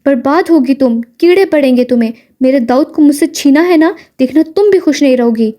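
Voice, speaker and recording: A heartbroken young woman begs through tears, as a woman narrator voices her. Her voice rides high with a mellow, warm tone. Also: close to an everyday voice. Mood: cursing. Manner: tearful pleading. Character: heartbroken young woman, pleading then cursing.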